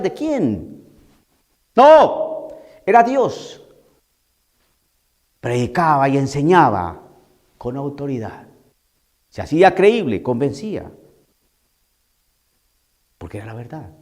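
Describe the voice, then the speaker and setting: A priest giving an emphatic homily, repeating key phrases and asking rhetorical questions. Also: male voice, high voice, sing-song, unhurried, pauses often, darkish tone.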